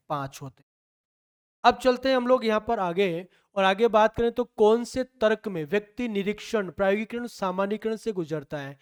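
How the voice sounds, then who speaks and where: A man a high, smooth, clear voice goes through a psychology test paper question by question. He poses each question aloud, answers it himself and repeats the key for emphasis. He speaks in. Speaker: teacher solving a test paper. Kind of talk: exam-prep lecture.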